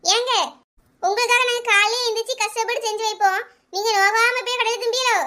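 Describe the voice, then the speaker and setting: Woman playing a shrill, indignant housewife. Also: steady tone, sharp tone. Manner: shrill, quick, arguing back. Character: indignant village housewife defending her cooking. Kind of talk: comic village skit acting.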